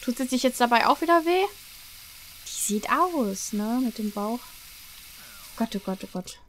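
A young woman with a German accent narrates her gameplay in a high, bright voice. She chatters on excitably, tossing out nervous exclamations and asides to her viewers. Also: a little slow, slight background noise. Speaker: let's play host. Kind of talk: casual gameplay commentary.

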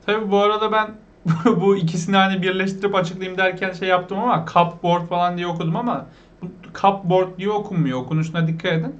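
High-voiced Turkish man teaching English words. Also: muffled recording. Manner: asks the viewers questions, repeats the words slowly. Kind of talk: vocabulary lesson for beginners.

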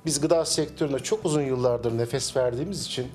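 A middle-aged man, a cafe owner, answering interview questions at a measured pace with frequent hesitation fillers, recorded on a handheld mic in a small cafe. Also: mid-range voice, a little mellow. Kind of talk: business interview.

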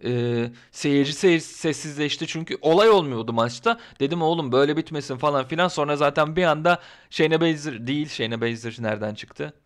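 A man giving his casual opinions in a vlog, talking in an excitable, ranting, colloquial way. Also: a little high, a little fast, hardly any pauses. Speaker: wrestling commentary vlogger.

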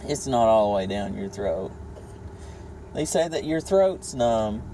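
A woman's voice: extremely low pitch, expressive, a little slow, dark tone. A woman chatting casually as a caretaker, patient and reassuring in her manner. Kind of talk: casual chat. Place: inside a car. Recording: car cabin with some noise.

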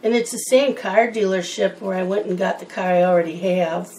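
A woman's voice: mid-range voice, steady tone, a little fast, darkish tone, a little hiss or hum, rough recording. A woman chatting in a rambling, casual way while she colors, wandering from one topic to the next. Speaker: coloring channel host.

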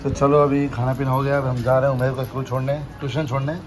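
With his phone camera held near his face, a man hosting a casual family vlog keeps up a chatty stream to his viewers, first on a motorbike in outdoor traffic and later at home. He speaks fast in a medium-pitched voice that stays fairly flat.

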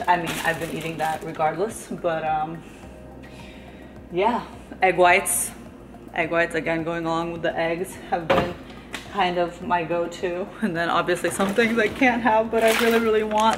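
A young woman vlogging in a relaxed, chatty way, laughing easily as she talks. Her voice sits on the lower side, and she sounds a touch out of breath from walking around. The delivery is bubbly and casual. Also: background noise. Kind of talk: casual vlog chat.

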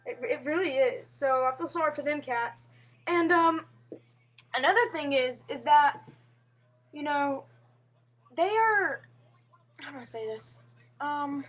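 A woman's voice: high voice, a bit bright. A young woman vlogging casually to a webcam at home, rambling earnestly with frequent restarts and fillers. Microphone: webcam mic.

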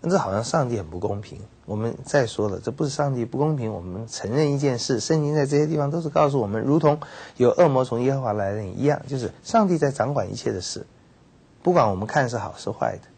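A man pastor with a Taiwanese Mandarin accent giving a Bible teaching lecture, telling the story with animated quoted voices. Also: quick pace, husky. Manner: animated storytelling, acts out quoted characters with sudden pitch jumps. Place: television studio.

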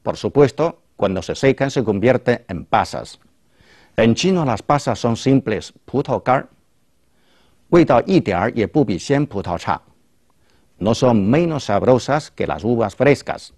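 A man hosting a language lesson, calmly explaining phrases and translating them. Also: mid-range voice, measured pace, dry recording, clean studio sound. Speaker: language teacher and host. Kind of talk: explaining Chinese to a Spanish-speaking audience.

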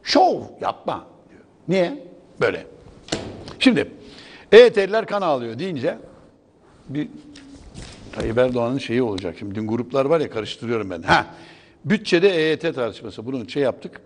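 A man's voice: mid-range voice, lively intonation, moderate pace, long pauses, a little hiss or hum. A man giving sarcastic morning news commentary in a TV studio. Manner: sarcastic, mocking.

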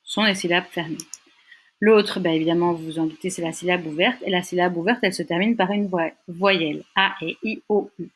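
A woman's voice: on the low side, fairly even intonation, a little fast, slightly rough. A young woman teaching a language lesson, patiently sounding out syllables and checking in often with her listeners. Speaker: Dutch teacher. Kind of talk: explanatory lesson.

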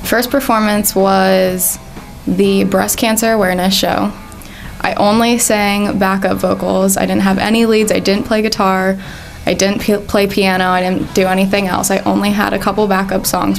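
A woman's voice: medium pitch, flat delivery, moderate pace, gravelly. An eighteen-year-old woman singer answering interview questions eagerly in a studio. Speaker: music school student, singer. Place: indoor studio in front of a backdrop.

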